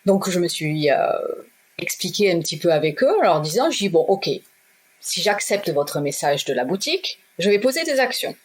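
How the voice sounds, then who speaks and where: A middle-aged woman from southwest France tells her story as an interview guest. Her voice is husky, and her delivery is direct and lively, slipping into the voices of the people in her tale. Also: on the low side, moderate pace. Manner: direct, lively, acts out dialogue. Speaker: guest, shop owner. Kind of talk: animated personal storytelling.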